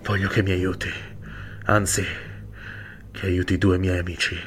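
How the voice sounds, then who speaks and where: A man voicing a calm, blindfolded elf. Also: deep voice, slight background noise. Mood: insistent. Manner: calm, measured, quietly insistent. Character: mysterious blindfolded male elf, calm and insistent. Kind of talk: audiobook character reading.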